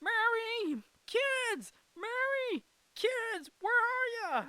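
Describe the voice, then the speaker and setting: A man voicing an overjoyed middle-aged man who shouts with giddy, near-tearful joy. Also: extremely high pitch, expressive, extremely slow, no room sound, pitched above the performer's own voice, exaggerated voice. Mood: ecstatic.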